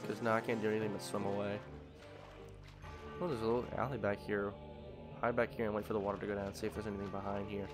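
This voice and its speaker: A let's play host talks casually through a video game over game music, thinking aloud with frequent ums. His lowish voice is slightly nasal from allergies and shows little pitch movement, and he talks fast but leaves long pauses.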